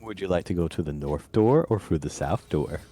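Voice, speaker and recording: A man's voice: sits low, moderate pace, mellow. A man narrating as game master of an online tabletop game, hesitant and full of fillers.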